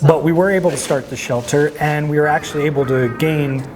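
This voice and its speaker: A man's voice: on the high side, fairly even intonation, fairly quick, a crowd in the background. A man from northern Idaho, a nonprofit founder, speaking earnestly in a documentary interview. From northern Idaho, USA.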